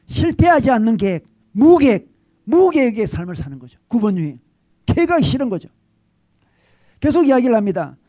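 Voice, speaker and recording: A man preaching a sermon as pastor, acting out quoted lines with sudden swings between loud and soft. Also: very high voice, very animated, fairly quick, no echo.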